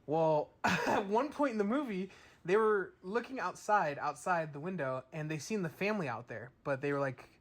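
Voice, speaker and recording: Young male podcast co-host, slightly high voice, loose and profane storyteller. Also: lively intonation, normal speed. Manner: loose storytelling, swearing freely, acting out quotes. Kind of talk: casual chat.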